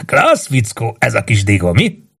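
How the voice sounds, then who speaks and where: A man's voice: medium pitch, huge pitch swings, vocal fry, fairly bright tone, slightly rough, exaggerated voice. A man voicing a wiry young male prisoner who whispers conspiratorially, grins and chuckles as he talks. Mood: sly whisper. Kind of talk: audiobook character voice.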